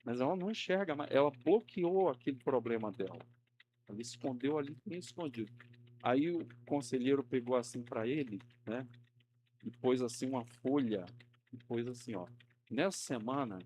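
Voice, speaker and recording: A man teaches a church Bible class at a medium pitch. He talks in a loose, chatty way, often tossing tag questions to the room. A faint hum and keyboard tapping sit behind him. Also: lively intonation, normal speed, darkish tone. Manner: acts out quoted people in a raised voice. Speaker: Sunday school teacher.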